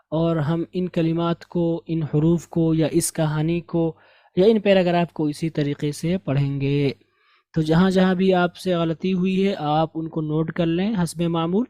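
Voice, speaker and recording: A man, teaching English reading, who reads slowly and repeats words over and over to correct their pronunciation. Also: a little high, mellow, no echo. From India. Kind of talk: reading lesson with pronunciation drills.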